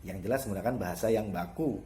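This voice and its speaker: A man with a fairly low voice gives an online lesson to students. He explains step by step, repeats the key terms and shifts his tone to demonstrate a point. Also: fast talker, mellow.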